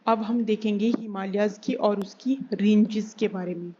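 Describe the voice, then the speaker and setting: A woman teaching an exam-prep geography lesson, repeating key terms slowly and asking and answering her own questions. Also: mid-range voice, steady tone, mellow. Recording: slightly dull recording with faint hiss.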